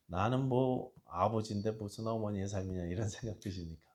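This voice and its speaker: A man preaching a sermon in a church, swinging from hushed asides to loud, impassioned cries and reading scripture aloud with the congregation. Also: lowish voice. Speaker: pastor. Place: church sanctuary.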